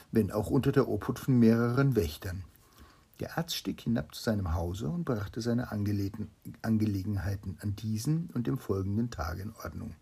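A man reads an old fairy tale aloud to a child. His voice is low and gravelly, with a mellow, dark tone and a breathy, husky edge. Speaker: storyteller.

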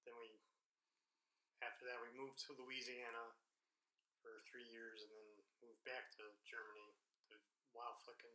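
A man in his thirties on a casual talk show, telling his story in a relaxed, matter-of-fact way. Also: medium pitch, normal speed, pauses often. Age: 30s. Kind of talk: casual interview chat. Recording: echoey room.

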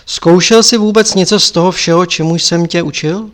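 A man reading an audiobook, voicing an old male lama abbot who admonishes his pupil in a measured, lecturing way. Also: high voice, lightly acted. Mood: admonishing.

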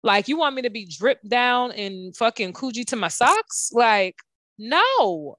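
A woman co-hosting a casual podcast over a video call, telling a story in an animated, profane way and acting out other people's lines. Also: on the high side, unhurried, no room sound. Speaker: podcast co-host.

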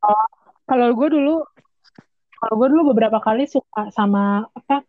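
A woman's voice: a little high, animated, moderate pace, vocal fry, dry recording. A young woman, chatting casually and rambling with restarts and slang. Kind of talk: casual chat. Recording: tinny phone-like line.

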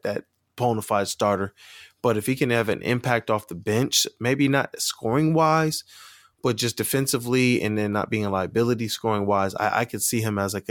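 A man's voice: lowish voice, no echo, studio quality. A man who is a guest on a sports podcast, talking casually and hesitantly with many fillers.

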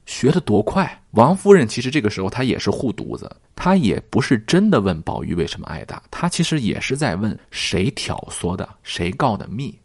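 A low, husky man walks viewers through a classic novel, his pitch swinging widely as he acts out the dialogue. He talks directly to his audience, and the sound is close and dry. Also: moderate pace, hardly any pauses, no room sound. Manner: animated, reads quoted dialogue dramatically, talks to viewers directly. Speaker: literature commentator. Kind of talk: storytelling commentary on a classic novel.

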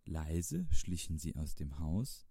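A man narrates a children's storybook in a calm, measured voice. His voice is very low and dark and his pace unhurried. The sound is close and dry. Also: vocal fry, no room sound.

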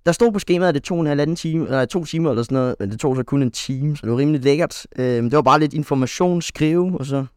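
Chatty young man, slightly high voice. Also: few pauses, darkish tone, smooth, no room sound, clean studio sound. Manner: rambling storytelling with many fillers. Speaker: podcast co-host. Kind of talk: casual chat.

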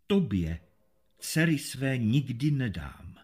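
A man doing a dignified, defiant castle lady. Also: mid-range voice. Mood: firm. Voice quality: calm, measured. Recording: faint music behind.

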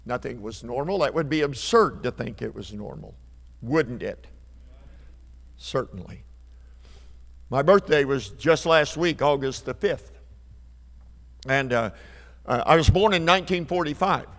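A man in his seventies preaching a revival sermon, emphatic, repeating key phrases and building to loud climaxes. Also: medium pitch, expressive, measured pace, long pauses. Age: 70s. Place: church sanctuary. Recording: long hall reverb.

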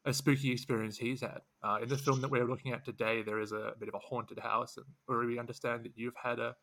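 A man's voice: medium pitch, little pitch movement, fast, fairly bright tone. A man hosting a casual podcast chat, joking and playful with his friends. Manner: jokey, playful banter. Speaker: podcast host.

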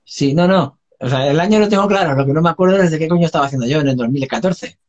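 A man's voice: fairly high pitch, fast talker, muffled recording. A man, a singer chatting casually and telling stories with laughs and frank swearing. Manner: lively storyteller, laughs and swears freely. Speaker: singer and dub voice guest. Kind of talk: casual chat.

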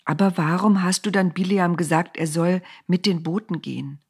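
A woman voicing a group of worried angels in a storybook reading, speaking in a hushed, cautious way. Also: fairly low pitch, steady tone, moderate pace, breathy edge. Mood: puzzled.

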